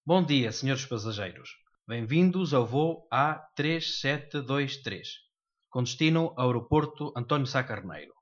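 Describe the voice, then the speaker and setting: A man with a European Portuguese accent, reading a formal, measured in-flight cabin announcement over the PA. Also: medium pitch, expressive. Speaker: announcer in a listening exercise. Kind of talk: scripted announcements. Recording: dull lo-fi recording.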